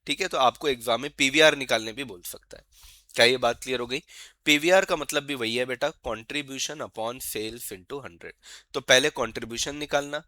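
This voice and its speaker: A man giving an exam-prep lecture, coaxing his students and asking questions he answers himself, and slowly reading out formulas as he writes them. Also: mid-range voice, bright, forceful tone, no room sound. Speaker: teacher.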